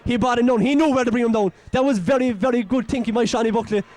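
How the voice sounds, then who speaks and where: An Irish man giving excitable, openly partisan live commentary on a local football match, shouting and nearly losing his voice. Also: very high-pitched, fast.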